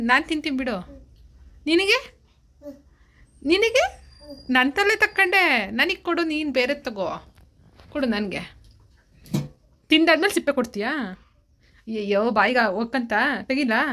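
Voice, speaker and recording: A woman's voice: high voice, bright, forceful tone. A woman speaking with a Kannada accent, coaxing and bargaining with a toddler at home in sing-song baby talk. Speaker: vlogger parent.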